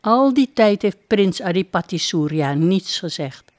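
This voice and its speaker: Woman reading a fairy tale, slow and low, dry close sound. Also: lively intonation, darkish tone, dry recording. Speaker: storyteller. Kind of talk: storybook narration.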